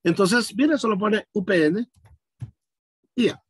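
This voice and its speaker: A man from Honduras teaches an online class, explaining step by step and checking in with his students. His voice is fairly high and husky. The sound is dry and close, as if from a video call. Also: slow, dry recording. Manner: patient, explanatory, addresses students directly.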